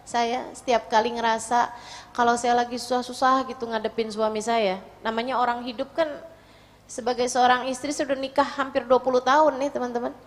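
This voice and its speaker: Animated high-voiced woman preacher. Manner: animated storytelling, acts out quoted voices. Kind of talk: religious lecture. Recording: long hall reverb.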